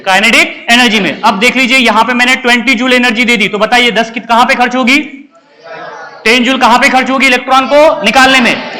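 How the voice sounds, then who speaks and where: A man's voice: very high-pitched, sharp tone, in a large hall. A male chemistry teacher, giving a lecture and asking questions he answers himself. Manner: asks questions and answers them himself, calls students beta. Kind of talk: classroom lecture.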